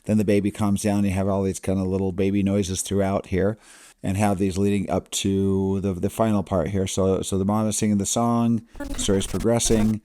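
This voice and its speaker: A man narrating a casual software tutorial as an editing instructor, recorded as a close voice-over. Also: deep voice, level tone, normal speed.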